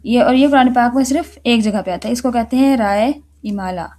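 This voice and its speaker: A woman with a fairly high, mellow voice teaches a recitation lesson. She stretches out key words and repeats them slowly for practice. She asks a question and then answers it herself. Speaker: tajweed teacher. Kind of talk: explanatory lesson with repetition.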